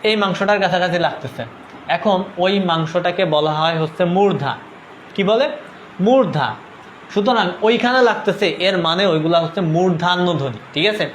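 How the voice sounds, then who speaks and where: A young Bangladeshi man teaching a live online lesson, his voice sitting high for a man. He talks casually and keeps asking viewers to comment and whether they follow. Faint background noise sits under the voice. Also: lively intonation, moderate pace. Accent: Bangladeshi Bengali. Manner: checks understanding with "ঠিক আছে?". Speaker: online tutor.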